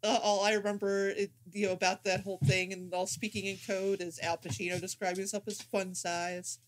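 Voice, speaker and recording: A woman's voice: medium pitch, flat delivery, brisk, slight background noise. A woman guest on a podcast, chatting casually about a film in hesitant, stammering asides.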